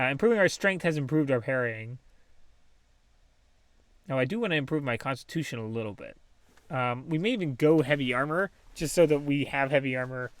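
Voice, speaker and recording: A man's voice: on the high side, fairly bright tone, clear, resonant tone. A man casually commentating his own game play, thinking aloud with many ums and small laughs. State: has the hiccups. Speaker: gaming channel host.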